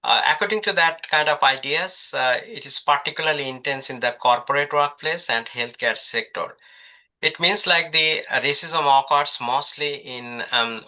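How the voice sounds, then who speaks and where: Over dull, lo-fi video call audio, a man gives an online professional development workshop. His medium-pitched voice has a sharp tone, yet his delivery is hesitant and crowded with filler sounds.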